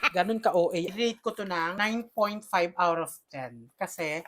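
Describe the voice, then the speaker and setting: A woman's voice: lowish voice, moderate pace. A young woman vlogging an unboxing in a dramatic, gushing way, bantering with herself in playful slang. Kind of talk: casual unboxing vlog. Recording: noisy background.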